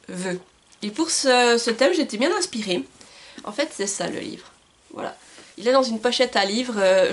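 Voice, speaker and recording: A chatty woman book vlogger with a highish, creaky voice does a casual book haul chat, full of fillers and restarts. She's in a room at home with bookshelves and Christmas lights, recorded on a camcorder mic.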